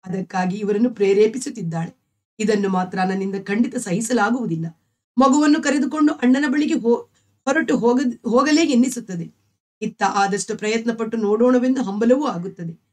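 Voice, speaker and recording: A woman's voice: a little high, a little fast, darkish tone, natural voice. A woman reading as a grieving young wife. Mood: pleading, grieving. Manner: pleading, sorrowful. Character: grieving young wife and mother, gentle and devout.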